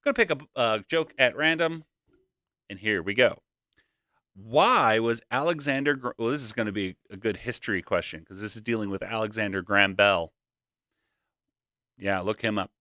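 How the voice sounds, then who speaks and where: Man, school announcer, bright and crisp, dry close sound, playful upbeat delivery. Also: lowish voice, lively intonation, normal speed, pauses often, no echo. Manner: upbeat, playful, reading notes aloud. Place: school library.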